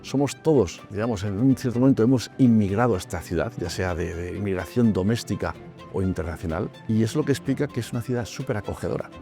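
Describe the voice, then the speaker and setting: A man in his fifties from Madrid, a private bank executive speaking in a corporate interview, measured and pausing often with "eh". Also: on the low side, lively intonation, dark tone, faint music behind. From Madrid, Spain. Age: 50s. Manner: measured, with frequent "eh" pauses.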